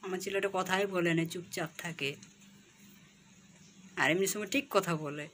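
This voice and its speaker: A woman chats casually to viewers from her kitchen, filming on a phone while she coaxes her pet parrot in high baby talk. Her throat is a little sore. Steady noise sits under the home recording. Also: moderate pace. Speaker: pet vlogger. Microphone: phone camera.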